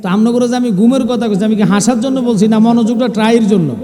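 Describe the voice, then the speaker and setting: High-voiced preacher over a PA. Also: male voice, fast, warm tone. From Bangladesh. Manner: provocative, teasing the crowd with questions; chants and sings religious phrases. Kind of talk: Islamic sermon to an outdoor gathering. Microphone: loudspeaker microphone. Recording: echoey PA sound at a crowded gathering.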